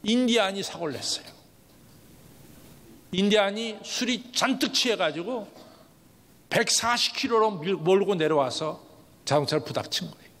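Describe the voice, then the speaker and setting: A man's voice: high voice, animated, moderate pace, pauses often, fairly bright tone. A male pastor preaching a sermon, telling a story with emotion in short, dramatic phrases. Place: large church event hall. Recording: long hall reverb at a church gathering.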